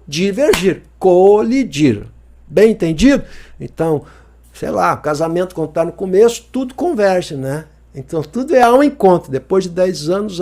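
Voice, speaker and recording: Male teacher, higher voice, jokey and lively, talks straight to the viewer. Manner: lively, joking, asks the viewer questions often. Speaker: Portuguese teacher. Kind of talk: exam-review lesson.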